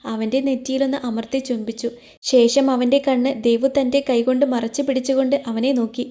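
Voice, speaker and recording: A woman storyteller reading a romance story aloud in a soft, even manner. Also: sits high, a little fast. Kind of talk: scripted narration of a romance story.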